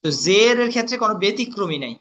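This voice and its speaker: A young man teaching Quranic letter sounds in a recorded lesson, reciting each sound slowly and deliberately, repeating drills and quizzing the class. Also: sits high, lively intonation, fairly bright tone, dull audio.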